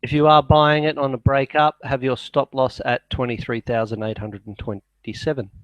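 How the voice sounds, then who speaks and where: A man with a clear, smooth voice of middling pitch dictates market analysis in a dry, close acoustic. He speaks the punctuation aloud as he goes, his voice falling away on those commands. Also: flat delivery, normal speed, no echo, muffled recording. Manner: dictating, voice dropping on spoken punctuation.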